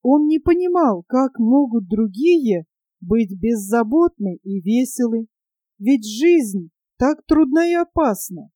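A woman reading a storybook aloud in an expressive, measured way. Her voice is fairly high but mellow and dark, recorded close and dry. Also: no echo. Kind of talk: storybook narration.

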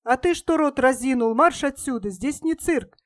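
A woman voicing a gruff, impatient male policeman who talks in a curt, scolding way. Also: high voice, normal speed, no echo, clean studio sound, close to an everyday voice.

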